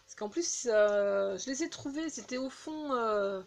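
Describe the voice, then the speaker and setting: A woman casually chatting through a beauty haul, halting with fillers and restarts, recorded on a phone indoors. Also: on the high side, expressive, gravelly, darkish tone. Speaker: beauty vlogger.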